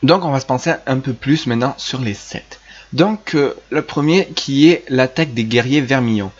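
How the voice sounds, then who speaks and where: A man's voice: medium pitch, moderate pace. Guy rambling through toy news, lots of ums and restarts, kinda muffled lo-fi mic. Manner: hesitant, many filler sounds and restarts. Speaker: YouTuber presenting toy news. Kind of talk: casual unscripted video chat.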